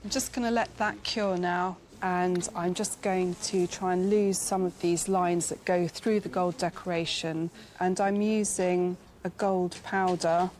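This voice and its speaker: A woman conservator calmly explaining her restoration work step by step. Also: on the low side. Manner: calm, methodical step-by-step explanation.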